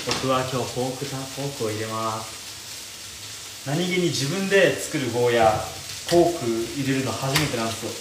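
A man's voice: mid-range voice, animated, normal speed, noisy background. A young man hosting a casual live radio stream while cooking, chatting and answering viewer comments. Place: home kitchen, indoors. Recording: roomy kitchen with loud frying sizzle.

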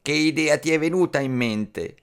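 A man voicing small, timid caged parakeets in a storybook tale, in a slow, high, pleading voice. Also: clear, resonant tone, natural voice.

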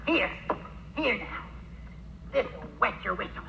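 An actor playing an eccentric, folksy old hermit in a creaky voice in a 1970s TV show, on a dull, noisy recording. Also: male voice, high voice, sing-song, slow pace, full character voice. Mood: folksy, offhand.

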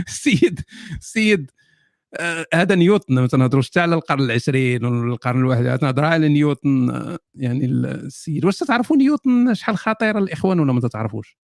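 A man's voice: a little high, animated, very fast, gravelly, dry recording, clean studio sound. A man with a Moroccan accent hosting a casual live Q&A, answering viewer questions with jokes, sardonic asides and frequent laughter.

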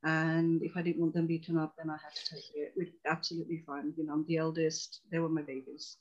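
Talking fast in a flat, low-pitched and slightly mellow voice, this woman shares her personal story on a video call, where the highs are cut off. She's a psychotherapist in her forties, originally from Tanzania, and speaks earnestly and thoughtfully as a guest.

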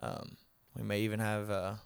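A man's voice: lowish voice, flat delivery, moderate pace, gravelly, clear, resonant tone, no room sound. A man with a Texan accent co-hosting a podcast, joking and teasing his partner. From Texas. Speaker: podcast co-host. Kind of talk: casual podcast chat.

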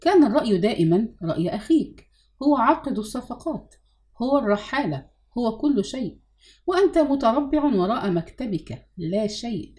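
A woman's voice: fairly high pitch, big pitch swings, a little fast, darkish tone. A woman voicing a scheming middle-aged mother who coaxes her son in an audiobook reading.

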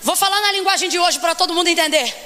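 A woman preaches with fervent emphasis. Her voice sits very high and rings bright. She keeps firing questions at the congregation and climbs into shouts. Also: quick pace. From Rio de Janeiro, Brazil. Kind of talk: Pentecostal sermon.

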